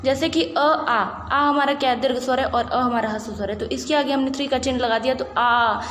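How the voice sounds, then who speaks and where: A high-pitched woman gives an online lesson, patient and methodical, often asking questions and answering them herself. The room is roomy and echoey with a long reverb tail, and a faint hiss sits under her voice. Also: steady tone, fast talker. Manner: patient, repeats "ठीक है" and asks rhetorical questions. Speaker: Sanskrit teacher. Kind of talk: online lecture explaining grammar.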